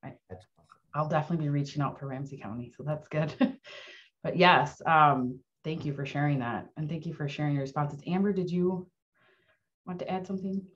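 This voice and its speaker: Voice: medium pitch, fairly quick. A moderator of a virtual panel who thanks the speakers and passes the turn to the next one. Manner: warm thanks, steering turns. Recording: dull lo-fi call audio.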